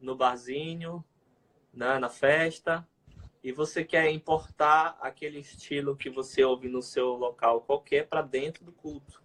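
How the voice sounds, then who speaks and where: A man with a Brazilian Portuguese accent, co-hosting a casual video-call chat and explaining liturgical music in a measured, teacherly way. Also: on the high side, fairly even intonation, a bit bright. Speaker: co-host, liturgical music educator.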